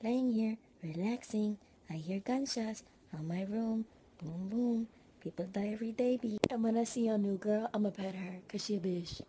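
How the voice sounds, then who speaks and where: A woman's voice: medium pitch, normal speed, over loud music. A young woman doing comedy sketch skits in a brash, crude, slangy way.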